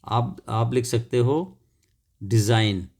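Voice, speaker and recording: Male teacher, unhurried lesson delivery, spells words out letter by letter, mid-range voice, keeps checking for understanding. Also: medium pitch, gravelly, darkish tone. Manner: repeats words and adds "theek hai" checks. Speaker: English teacher. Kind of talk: classroom lesson explanation.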